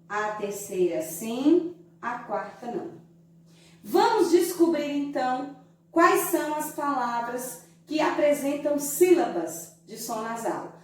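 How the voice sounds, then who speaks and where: A Brazilian woman teacher giving a slow, didactic lesson to young children, stretching out syllables to show how they sound. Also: fairly high pitch, far from the mic. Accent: Brazilian Portuguese. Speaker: primary school teacher. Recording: very echoey room, voice from away from the mic.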